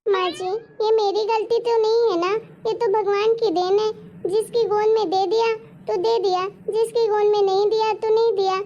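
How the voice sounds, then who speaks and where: A woman's voice: very high voice, fairly even intonation, normal speed, dark tone, muffled recording. A woman voicing an earnest young daughter-in-law in a cartoon story, pleading and hurt.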